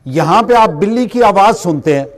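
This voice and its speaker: A middle-aged man delivers a spiritual lecture in a high-pitched voice. He works through everyday examples and poses questions that he then answers himself. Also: lively intonation. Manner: explains with everyday examples, asks and answers his own questions. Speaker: religious speaker.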